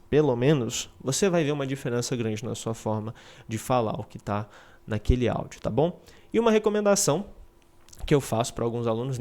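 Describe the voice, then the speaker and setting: A man's voice: mid-range voice, a little mellow. Casual man teaching. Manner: conversational, with frequent check-ins and restarts. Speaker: English teacher. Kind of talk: casual spoken lesson.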